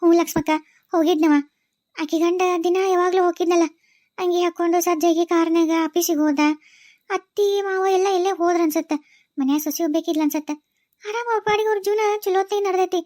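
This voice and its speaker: A woman's voice: very high voice, steady tone, fast talker, darkish tone. A woman voicing a village woman who reports what she saw, with a North Karnataka Kannada accent. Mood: reporting. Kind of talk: cartoon voice acting.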